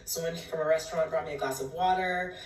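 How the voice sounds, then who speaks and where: Low-voiced woman in an echoey clip. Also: fairly even intonation, fast talker. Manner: laughing, retells quotes. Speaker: clip storyteller. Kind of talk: casual short-video storytelling. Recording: echoey phone video from a distance.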